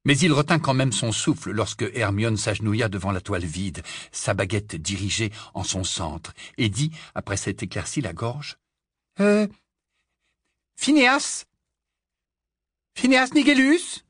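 A reader narrating an audiobook in an expressive storytelling manner. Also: deep voice, moderate pace, hardly any pauses, husky, dry recording, studio quality.

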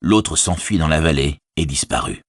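A man narrating a fantasy audiobook in a steady, scripted way. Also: very deep voice, normal speed, no echo, clean studio sound.

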